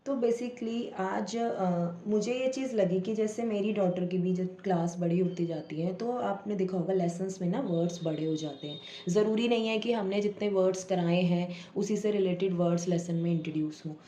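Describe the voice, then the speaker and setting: A woman teacher explaining reading methods to parents at an unhurried pace, sometimes sounding out word parts slowly. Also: lowish voice, mellow. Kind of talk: home tutorial for parents. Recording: echoey room with faint background noise.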